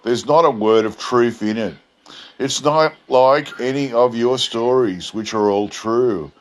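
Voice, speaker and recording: Drover played by a male reader: laconic outback drawl, very unhurried, deadpan, telling a tall bush yarn. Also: on the low side. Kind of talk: dramatic bush yarn storytelling.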